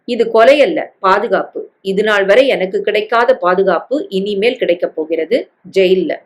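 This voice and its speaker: A woman voicing a defiant young woman who stays calm and firm after a killing, in a read-aloud story. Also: mid-range voice, unhurried, close to an everyday voice. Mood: resolute. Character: woman in her thirties, defiant killer who stays composed.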